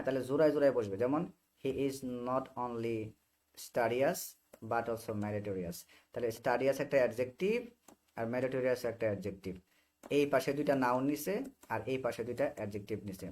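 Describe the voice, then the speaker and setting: A young man with a Bangladeshi Bengali accent teaches English grammar to students on a video call. He repeats short phrases again and again and keeps asking whether they follow. His voice sits at an ordinary middle pitch for a man. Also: a little mellow. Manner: explains by repeating short phrases, checks understanding often. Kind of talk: online spoken English class.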